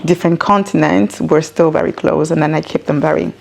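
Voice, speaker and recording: Speaking from indoors at home, this interview guest is a woman of roughly thirty to forty-nine who was born in Ghana and grew up in Italy, and her accent blends several influences, partly American. Her voice sits low and creaky, holding a steady tone at a fairly quick pace as she answers conversationally.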